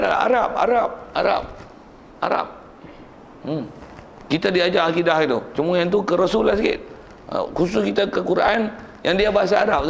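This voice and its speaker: A man's voice: high voice, creaky, slight background noise. A man with a Malaysian Malay accent teaching a religious class, conversational and joking, asking and answering his own questions. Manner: jokes with the class.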